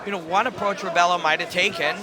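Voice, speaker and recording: A man's voice: high-pitched, steady tone, fast talker. A man analysing a live fight as a commentator, explaining technique in colourful technical phrases. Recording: broadcast over loud crowd and music. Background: loud crowd and music.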